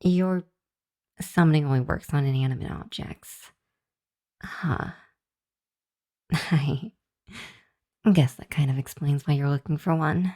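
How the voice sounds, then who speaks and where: In an intimate ASMR roleplay, a woman voices a shy, earnest young female hellhound demon looking for shelter. Her low, dark voice moves slowly as she speaks to the listener, hesitant and easily flustered, halting with sighs and nervous chuckles. The mood is tentative and curious.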